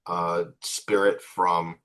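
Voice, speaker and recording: A man hosting a tasting, asking curious questions with halting restarts. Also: sits low, flat delivery, fairly bright tone, rough recording. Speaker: tasting host. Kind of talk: casual tasting talk.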